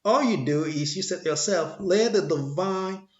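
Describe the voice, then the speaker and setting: Male motivational speaker, fairly high voice, preachy and rambling, roomy lo-fi recording. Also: a little slow. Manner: rambling, repeats phrases, preachy. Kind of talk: motivational monologue. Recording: echoey room, dull lo-fi sound.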